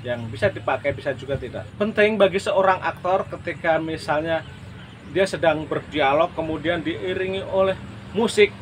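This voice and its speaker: A man lecturing on drama and voice for an online university class, slow and deliberate, with examples that he demonstrates himself. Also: a little high, slight background noise, poor audio.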